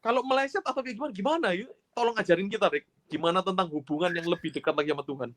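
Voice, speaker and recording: A male host with a noticeably high voice leads a casual interview. He talks in a loose, conversational way and draws out his questions with easy fillers. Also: rapid-fire, fairly bright tone.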